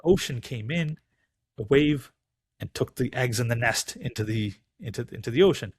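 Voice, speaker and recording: A man's voice: mid-range voice, normal speed, breathy edge. A man speaking as a podcast guest, explaining spiritual teachings and telling a parable, acting out the voices in his story. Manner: animated storyteller, acts out quoted voices.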